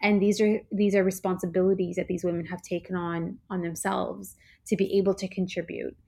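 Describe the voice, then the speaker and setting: A woman's voice: lowish voice, flat delivery, a little fast, gravelly, warm tone. A woman who grew up in Canada, a social enterprise co-founder, giving earnest, reflective interview answers and searching for her words.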